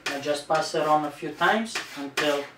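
A man in his thirties who builds home cockpits narrates a DIY tutorial, plainly explaining each step as he works in a room at home. His voice is a little high and his pace moderate. He's far from the mic, with roomy echo and a noisy background.

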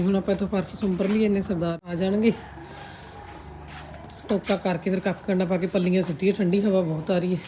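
A woman's voice: medium pitch, a little mellow. A woman of about forty, chatting casually for a home vlog in a homely, exclaiming, complaining aunty manner. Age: around forty. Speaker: vlogger. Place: outdoors in a farmhouse yard. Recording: clear background noise, outdoor ambience.

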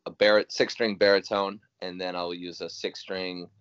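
Over a video call webcam in a small room at home, a young guest musician from Iowa talks casually, rambling with many fillers and restarts. His low voice is flat, clear, resonant and fairly bright at a normal speed; there is no room sound and the highs are cut off.

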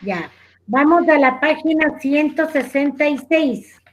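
A woman's voice: high-pitched, animated, slow, a little hiss or hum. A woman teacher with an Ecuadorian accent, patiently giving a lesson over a video call and calling on students by name. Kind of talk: online class instruction.

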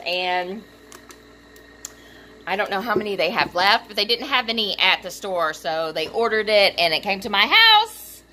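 A young woman vlogging from her room, gushing with excitement, giggling, squealing and filling her talk with "like" and "um". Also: mid-range voice, slight background noise. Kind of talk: excited unboxing vlog. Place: home room.

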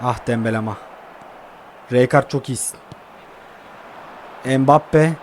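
A young man giving excitable live commentary while playing a mobile football game, groaning and cursing at it. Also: medium pitch, slow, background noise.

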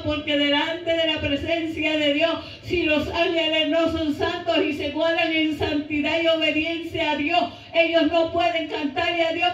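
A middle-aged woman preaching a sermon into a handheld mic in a small church hall, impassioned, rising into shouts and half-sung lines. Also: high voice, a little hiss or hum. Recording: echoey room, camera far off, dull sound.

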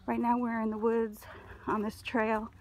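A woman's voice: a little high, flat delivery, a little slow, darkish tone, a little hiss or hum. A woman in her thirties, a mother vlogging on a phone while walking a wooded park trail, chatting cheerfully to her viewers. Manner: chatty and upbeat, talking straight to viewers. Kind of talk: casual vlog narration. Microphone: phone held while walking.

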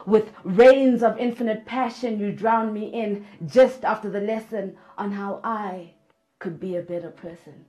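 A woman's voice: medium pitch, poor audio. A middle-aged woman performing spoken word poetry in a studio, with rhythmic delivery and repeated refrains that build in force. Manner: rhythmic, repeating refrains, rising to loud intensity. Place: studio with patterned backdrop.

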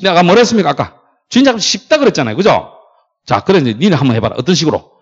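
A middle-aged man lecturing on factory brokerage, telling stories and acting out quoted lines. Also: on the high side. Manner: animated storytelling, acts out quoted dialogue. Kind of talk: classroom lecture with anecdotes. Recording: dull lo-fi lecture recording.

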